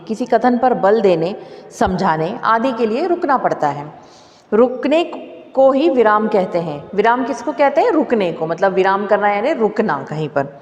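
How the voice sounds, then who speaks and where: A woman teaching a classroom grammar lesson, explaining slowly, repeating examples and asking questions. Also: medium pitch, darkish tone. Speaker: school teacher. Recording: echoey room with long reverb.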